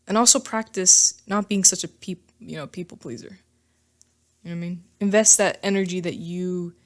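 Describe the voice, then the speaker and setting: A woman giving a casual spoken tarot reading into a microphone, reassuring and chatty, often checking in with "okay?" and "all right?". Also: lowish voice. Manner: chatty and informal, with fillers and asides. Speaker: tarot reader.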